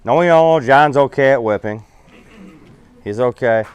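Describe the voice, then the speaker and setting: A man's voice: mid-range voice, moderate pace, lo-fi sound, slight background noise. A man giving a casual, rambling, folksy seminar talk about fishing to an audience. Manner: rambling, folksy, self-correcting.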